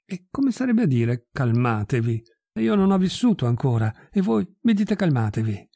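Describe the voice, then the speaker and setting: A man voicing a frank, restless young widow in a read-aloud story, with a dark, husky voice. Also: medium pitch, big pitch swings, moderate pace, no echo, studio quality. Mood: defiant.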